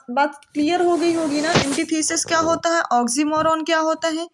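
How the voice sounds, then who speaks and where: High-voiced woman teaching English exam prep. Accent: Indian English. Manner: repeats questions and answers them, slows down to read English examples.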